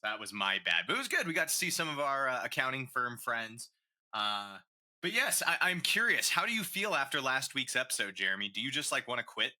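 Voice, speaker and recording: A man's voice: medium pitch, brisk. A man co-hosting a casual podcast, joking around and running a quiz game in a playful manner. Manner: playful, jokey, lively quiz-host delivery. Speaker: podcast co-host and game show quizmaster. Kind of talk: casual chat.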